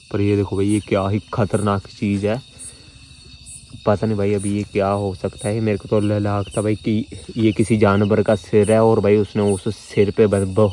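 Holding his phone at arm's length, a vlogger in his twenties records himself camping alone, moving between the dark forest and a small tent. His voice sits on the low side with a warm tone, and his nervous speech is full of stammers and restarted words over slight background noise.

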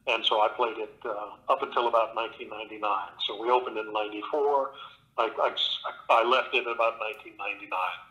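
A guest actor and audiobook narrator chats casually in an interview, his voice big, bright, forward and fairly low, moving at a quick pace. He drifts through relaxed stories full of "uh" fillers and restarted sentences. The low-quality recording comes through a thin remote-call connection.

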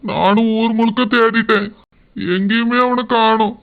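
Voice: medium pitch, steady tone, unhurried, natural voice. An earnest young village man with a Kanyakumari Tamil accent, speaking plainly. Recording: dull lo-fi sound with faint noise.

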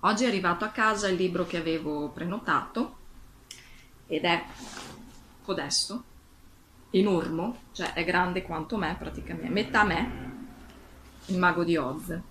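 A woman's voice: lowish voice, unhurried, long pauses, a bit bright, slight background noise. A woman casually reading a storybook aloud and reflecting on it, in a thoughtful, slightly hesitant way.

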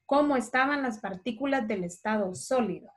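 A woman teaching a primary class over a video call, patient and affectionate, dictating words slowly and clearly. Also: a little high.

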